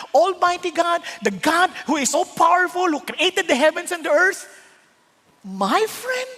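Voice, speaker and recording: A man preaching a sermon, animated and questioning his listeners, slipping into quoted voices. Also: very high-pitched, in a large hall.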